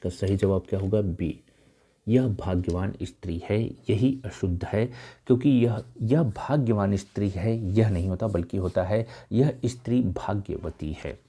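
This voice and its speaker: A man teaching grammar, going through exam questions one by one, reading the options slowly and then explaining the corrections quickly. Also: lowish voice, dark tone, slightly rough. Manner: addresses viewers as dear friends. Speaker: Hindi exam tutor. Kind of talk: exam answer walkthrough.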